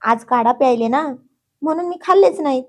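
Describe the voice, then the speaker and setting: A woman's voice: high voice, expressive, fairly quick, darkish tone. A woman voicing a stubborn, clingy young woman who whines and pleads in a childish sing-song. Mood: pleading.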